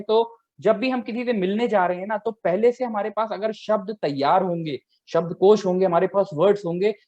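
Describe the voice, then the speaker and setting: High-voiced male host, lo-fi. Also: mellow. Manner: polite, affirming, asks structured questions. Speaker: host interviewer. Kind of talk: interview conversation. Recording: dull lo-fi sound.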